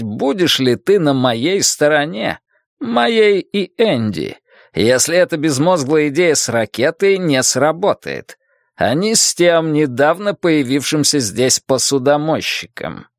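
A man's voice: on the high side, big pitch swings, slow, creaky, no room sound, clean studio sound, pitched above the performer's own voice, full character voice. A man voicing a domineering, scheming middle-aged male town boss in an audiobook. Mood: menacing. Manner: domineering and mocking.

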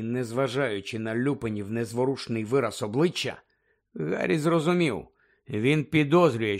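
A man narrating an audiobook in an even, steady reading voice. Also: mid-range voice. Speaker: audiobook reader.

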